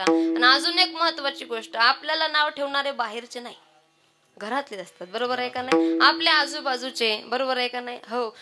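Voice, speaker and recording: A woman preaching a humorous kirtan sermon to a live audience, lively and often asking the crowd whether she is right. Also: high voice.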